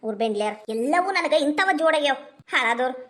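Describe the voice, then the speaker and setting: A woman's voice: high-pitched, lively intonation, fast, a bit bright. A woman playing a grumbling old village mother-in-law with a North Karnataka Kannada accent, scolding and cursing as she complains.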